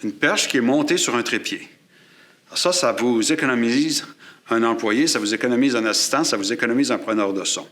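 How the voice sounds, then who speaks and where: Speaking a little fast in a fairly bright tone, this Quebec man teaches photography and sound, walking through how microphones work while handling the equipment. He sits at a studio table prepared for filming, with a shotgun mic on a boom overhead pointed at his chest.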